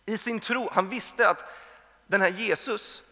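A pastor in his thirties preaches in an easy, storytelling way and acts out the voices in his stories. His voice sits slightly high and has a bright, gravelly edge. Long reverb from the hall trails behind each phrase. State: tired from little sleep. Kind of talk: sermon.

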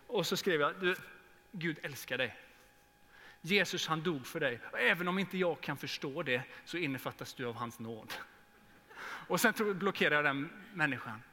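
Earnest pastor in a reverberant hall. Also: male voice, fairly high pitch, lively intonation. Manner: earnest, with emotional swells and soft prayerful drops. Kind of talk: sermon with prayer. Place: church hall. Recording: long reverb in a church hall, faint hum.

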